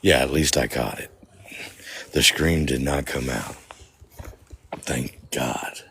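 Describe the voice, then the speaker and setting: A man's voice: very deep voice, slow, vocal fry, sharp tone, breathy edge. A man telling a story outdoors in a cemetery at night, joking, swearing and laughing often as he talks to his livestream audience. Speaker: paranormal vlogger.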